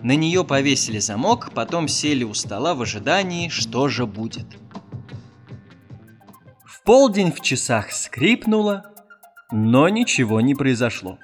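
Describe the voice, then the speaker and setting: Lively man reading a fairy tale. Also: medium pitch, measured pace, soft background music. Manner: lively, expressive. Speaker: audiobook narrator. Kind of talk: storybook narration.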